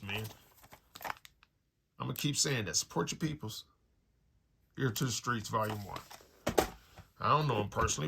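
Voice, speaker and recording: Here a creaky, medium-pitched American man, a record collector with his own online store, chats informally with his audience while unboxing a collection. His talk wanders in casual slang, over audible background noise punctuated by clicks.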